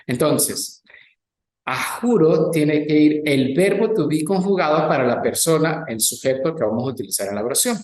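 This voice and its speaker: A man teaching an English lesson in Spanish, slowly repeating English words and translating them. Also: fairly high pitch, lively intonation, a little mellow, reverberant. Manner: slow, careful pronunciation drills alternating English and Spanish. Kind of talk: recorded lecture with slides.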